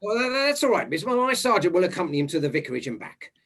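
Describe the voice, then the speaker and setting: An actor playing a dogged but fumbling English police inspector in a stage murder mystery, questioning people in a halting, polite way. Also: male voice, high voice, big pitch swings, background noise. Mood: inquiring. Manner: hesitant, halting, polite formal address.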